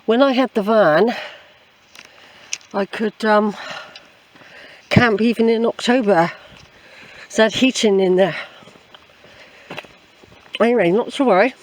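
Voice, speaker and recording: A woman's voice: medium pitch, slow pace, long pauses. An older woman with an English accent records a casual walking vlog out in the woods. She rambles in a chatty, reflective way, often repeating her phrases. Her voice is picked up by the camera she carries along the trail. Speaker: hiking vlogger. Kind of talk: casual rambling walk commentary. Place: outdoors on a woodland trail.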